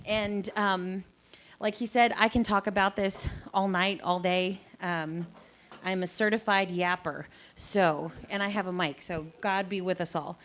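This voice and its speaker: A woman's voice: medium pitch, fairly even intonation, measured pace, fairly bright tone. A young adult woman from South Texas, a pastor giving a chatty, self-deprecating talk to a live audience with frequent ums. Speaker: pastor and faith organizer.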